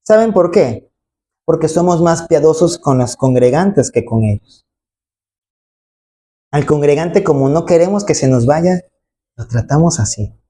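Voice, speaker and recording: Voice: medium pitch, animated, measured pace, pauses often, warm tone, a little hiss or hum. A preacher gives an emphatic sermon to a congregation, often tagging questions and acting out quoted voices. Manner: emphatic, frequent rhetorical tag questions, acts out quoted voices. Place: church congregation.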